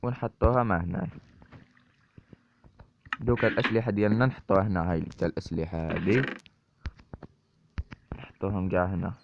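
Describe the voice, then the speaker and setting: This gaming YouTuber, a man with an Algerian Arabic accent, chats through a let's-play and addresses his viewers as brothers. His voice is deep and brisk with vocal fry and long pauses, captured on a dull lo-fi mic with steady noise.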